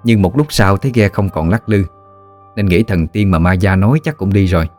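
A man with a Southern Vietnamese accent narrating a ghost story in a steady, plain manner. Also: sits low, fairly quick, faint music behind.

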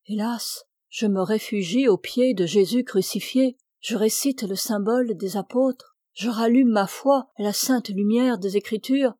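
A woman's voice: medium pitch, a little slow, few pauses, dark tone, no echo, studio quality, natural voice. A woman voicing an anguished dying young man. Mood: despairing. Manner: pleading, anguished. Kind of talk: audiobook reading.

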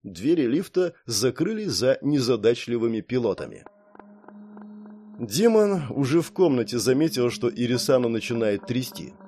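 Man narrating a story in a mellow voice. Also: mid-range voice, very animated, normal speed, a little hiss or hum. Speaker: audiobook narrator. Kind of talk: scripted audiobook narration.

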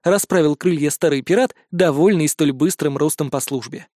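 Brief: male audiobook narrator, even storytelling, slightly high voice, dry booth sound. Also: normal speed, dry recording.

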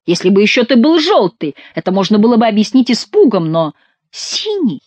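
A woman's voice: medium pitch, very animated, a little fast, a little mellow, no room sound, voice pushed up. A woman voicing an agitated, fussy king who asks anxious, exclaiming questions.

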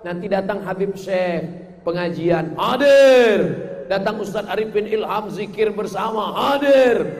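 A man preaching a sermon with humor, chanting verses and then explaining them, rising to shouted emphasis. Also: sits high, level tone, normal speed. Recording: echoey hall, faint noise.

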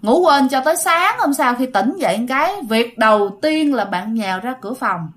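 Chatty and casual, a Southern Vietnamese-accented woman spins a ghost story while talking directly to her listeners and acting out the shouts. Her voice is on the high side and animated, moving at a normal speed.

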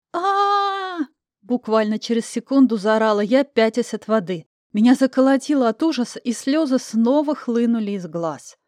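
A woman's voice: medium pitch, mellow, no echo. Woman narrating an audiobook, dry close sound. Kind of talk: first-person audiobook narration.

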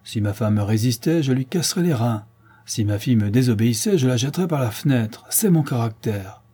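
A man's voice: medium pitch, expressive, fairly quick, dark tone, breathy edge. A man voicing a vain, bragging middle-aged baker with a pompous manner. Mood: proud.

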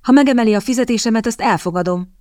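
A woman reading the lines of a sharp-tongued young male valet, brisk and cheerful. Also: fairly low pitch, animated, no echo, clean studio sound, natural voice. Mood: cheeky.

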